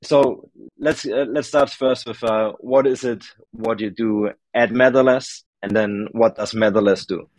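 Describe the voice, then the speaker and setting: A man's voice: fairly low pitch, steady tone, a little slow, no room sound, poor audio. A man hosting a podcast interview, asking loose questions with fillers. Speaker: podcast host.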